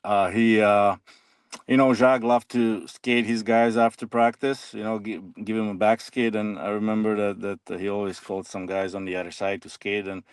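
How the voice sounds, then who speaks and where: A man, a former hockey player reminiscing in a halting, soft-spoken way as an interview guest. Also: on the low side, little pitch movement, smooth, no room sound. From Slovakia.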